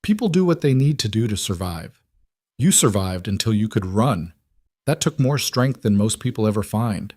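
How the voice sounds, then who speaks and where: A man voicing a stoic, protective rancher who talks in a flat, clipped and steady way. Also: fairly low pitch, moderate pace, no echo, studio quality.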